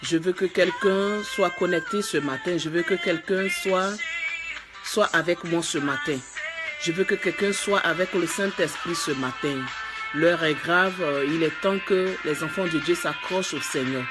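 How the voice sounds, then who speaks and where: Woman preacher live-streaming a fervent, repetitive sermon that swells toward shouting, with heavy music behind. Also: fairly low pitch, unhurried. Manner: speaks in tongues. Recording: loud music underneath.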